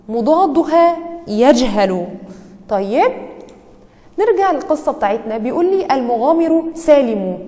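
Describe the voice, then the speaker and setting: A woman teacher with an Egyptian Arabic accent leads a children's lesson in a high, bouncing voice that leaps up and down in pitch. She quizzes the pupils and cheers each answer, and her voice trails off in a long reverb. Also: darkish tone. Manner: quizzing, praising each answer with quick "bravo". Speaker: primary school teacher.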